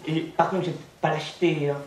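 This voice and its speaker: A man doing a stand-up comedy routine as a naive, deadpan village simpleton, tagging his lines with "hein". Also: on the high side, moderate pace. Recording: roomy, noisy recording from far off.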